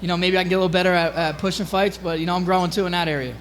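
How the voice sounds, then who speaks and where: A man with a rather high voice gives casual answers as a fighter at a press conference. He is unassuming and halting, over faint room noise. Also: steady tone, a bit bright.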